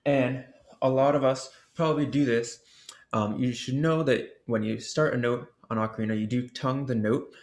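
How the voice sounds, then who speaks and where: A man presenting an ocarina workshop, explaining technique in a relaxed way and sounding out the syllables as he goes. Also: mid-range voice. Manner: casual, explains with demonstration syllables and fillers. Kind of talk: instructional explanation. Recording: roomy echo.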